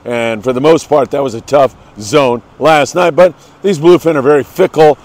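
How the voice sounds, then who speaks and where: A man's voice: medium pitch, normal speed, a little mellow. A man with a lingering cold hosting an upbeat morning fishing briefing, talking to viewers in an effusive, folksy way. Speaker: host of a fishing report show. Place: outdoors by the coast in the morning.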